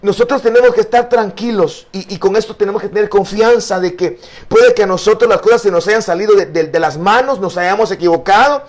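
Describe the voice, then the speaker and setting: This male pastor's voice sits high and moves briskly as he teaches a Bible study. He explains things earnestly, often using fillers and repeating words, and addresses his listeners as brother.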